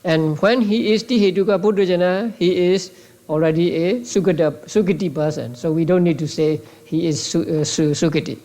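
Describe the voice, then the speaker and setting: Older male monk, Burmese accent, somewhat high voice, patient halting lecturer who repeats words. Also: dark tone. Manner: halting, repeats words, many restarts and uh's. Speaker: Buddhist monk teaching a class. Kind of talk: classroom lecture. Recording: old tape recording of a class.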